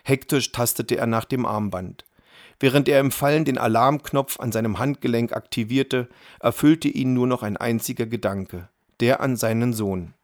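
A man narrating an audiobook in an even, measured reading. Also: mid-range voice, dry recording, clean studio sound. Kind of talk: scripted narration.

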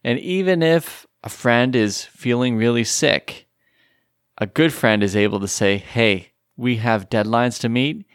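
A man's voice: mid-range voice, a little slow, clear, resonant tone, no room sound, studio quality. A man co-hosting a casual podcast, chatting in a rambling way with fillers and restarts. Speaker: podcast co-host. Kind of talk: casual chat.

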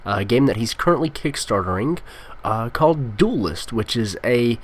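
A man's voice: medium pitch, expressive, moderate pace, a little hiss or hum. A man hosting a gaming podcast, chatty and upbeat with frequent ums and uhs. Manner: upbeat, chatty, filler-heavy. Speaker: podcast host. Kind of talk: casual podcast interview.

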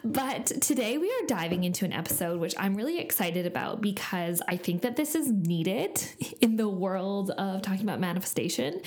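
A woman in her thirties from Canada hosting her own podcast, talking in an upbeat, sing-song, encouraging way. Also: medium pitch. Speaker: podcast host and coach. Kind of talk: solo podcast talk.

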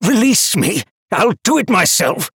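A man's voice: high-pitched, very animated, unhurried, a bit bright, breathy edge, no room sound, clean studio sound, pitched above the performer's own voice, heavily acted. A man voicing a desperate, raging captive king who shrieks threats.

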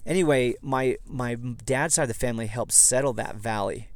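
A man from southeast Idaho hosts a casual history podcast in a slightly froggy, hoarse, mid-range voice, rambling conversationally and correcting himself at a moderate pace. He records in a vehicle, so the sound is close and dry with no echo.

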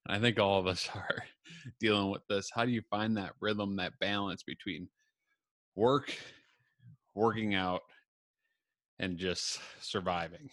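A man with a lowish, bright, forceful voice talks casually into a close, dry podcast mic. He is upbeat and self-deprecating, and a little out of breath. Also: fairly even intonation, measured pace, pauses often, no room sound. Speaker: podcast host. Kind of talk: casual solo podcast talk.

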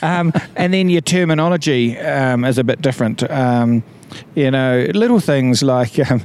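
New Zealand firefighter, mid-pitch male voice, talks in halting bursts with frequent fillers. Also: expressive, darkish tone, slight background noise. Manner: halting, many ums and restarts, good-humoured. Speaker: visiting wildfire task force leader. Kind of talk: interview answers.

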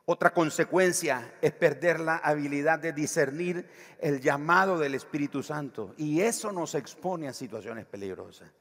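A man preaching a sermon as pastor, animated, acting out the voices of the people in his stories. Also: fairly high pitch, normal speed, big-room sound.

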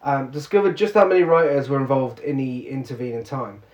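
A man's voice: medium pitch, a little fast, darkish tone. A man co-hosting a casual film podcast, laughing a lot and sarcastic as he reads out trivia. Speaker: podcast co-host. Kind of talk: casual film review chat. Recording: roomy, muffled sound.

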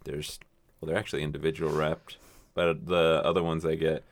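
Man, very low voice, dry close sound, rambling casual chat, profane. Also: level tone, moderate pace, dry recording. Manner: rambling, profane, with many fillers.

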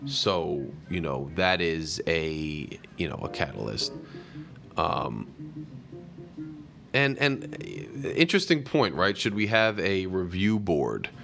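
A man hosting a call-in show with a deep, low voice. He rambles with many fillers, and faint music plays behind him. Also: sing-song, takes it slowly, vocal fry. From New Jersey. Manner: rambling, with frequent fillers and restarts. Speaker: host. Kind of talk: live call-in podcast talk.

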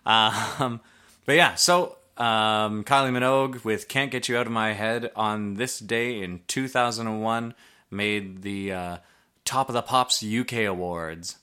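A male podcast host with a fairly low but bright, clear voice talks in loose, casual chat. His delivery rambles, full of fillers and offhand swearing. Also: a little slow.

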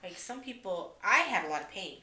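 A woman's voice: medium pitch, very animated, a little fast, sharp tone, echoey room. A woman guest on a podcast, chatting casually and animatedly, laughing and acting out quotes as she tells stories. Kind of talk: casual storytelling chat.

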